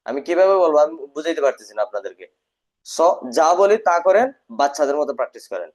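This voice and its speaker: A man with a somewhat high voice teaches an online English class. He is stern and drills his students by having them repeat words. His voice comes through a dull, lo-fi video-call connection. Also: big pitch swings, brisk. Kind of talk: live online class lecture.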